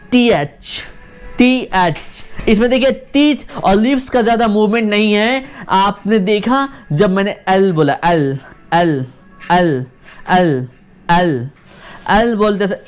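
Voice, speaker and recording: A pronunciation teacher in an online video lesson, speaking at an unhurried, drawn-out pace with a smooth, clean voice. They repeat each sound patiently, over and over, and nudge the viewer with earnest questions. Soft music plays faintly underneath. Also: medium pitch. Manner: slow, deliberate demonstration of sounds, repeating them many times.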